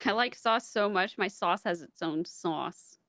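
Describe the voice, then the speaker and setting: A woman's voice: medium pitch, measured pace, a bit bright, no echo. A woman chatting casually during a streamed game, playful and upbeat in her banter. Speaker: player in a streamed party game. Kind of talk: casual chat.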